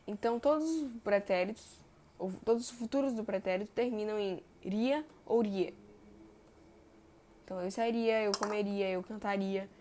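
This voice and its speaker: A young woman, teaching verb tenses in a chatty way and stretching example words slowly. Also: mid-range voice, a little mellow, a little hiss or hum. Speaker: Portuguese grammar teacher. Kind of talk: explaining verb tenses on a board.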